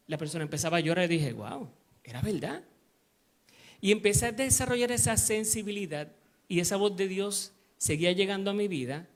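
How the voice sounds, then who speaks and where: Middle-aged Puerto Rican pastor with a high voice, preaching with personal stories, swinging from hushed to loud. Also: male voice. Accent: Puerto Rican Spanish. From Puerto Rico. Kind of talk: sermon.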